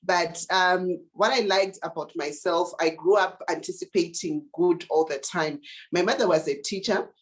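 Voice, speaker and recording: A woman from Zimbabwe with a lowish voice recounts her upbringing as a guest on a talk show. She speaks earnestly, pausing on fillers and restarting her sentences as she goes. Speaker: guest, digital marketing consultant. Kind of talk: interview answers, personal story.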